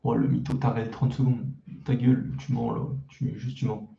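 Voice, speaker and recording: A man's voice: mid-range voice, flat delivery, a little fast, creaky, warm tone, echoey room, muffled recording, a little hiss or hum. A man casually reacting to his own old videos, mocking them with crude slang and self-deprecating jokes.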